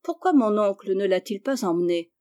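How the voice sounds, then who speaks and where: A woman reading the lines of a polite, caring little girl in a storybook, with earnest, softly eager questions. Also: medium pitch, animated, moderate pace, no echo, studio quality, close to an everyday voice. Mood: prim.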